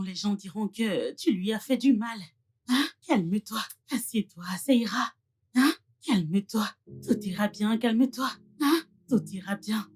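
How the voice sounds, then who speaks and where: A woman's voice: medium pitch, a little mellow, breathy edge. An actress dubbing a scheming, scornful young woman in a French-language film drama. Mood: falsely soothing. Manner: scornful, needling. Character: scheming, contemptuous young woman, Zaid's girlfriend.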